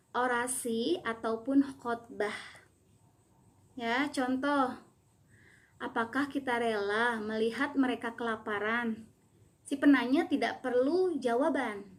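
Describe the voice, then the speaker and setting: A woman teacher giving a remote lesson, patiently explaining and reading example questions aloud. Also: fairly high pitch.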